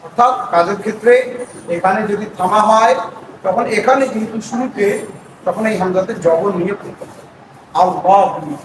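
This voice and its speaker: A man teaching prayer recitation, patiently breaking words into syllables and chanting them slowly. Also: sits high. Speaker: religious teacher. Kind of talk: explaining pronunciation step by step. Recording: echoey room, distant mic, noisy.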